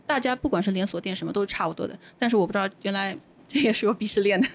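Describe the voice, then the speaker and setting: A woman talks quickly and easily in a relaxed podcast conversation. Her pitch sits in the middle, and she tells her stories in a chatty run. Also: a little hiss or hum. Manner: fast, chatty storytelling. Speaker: podcast co-host. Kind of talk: casual podcast chat.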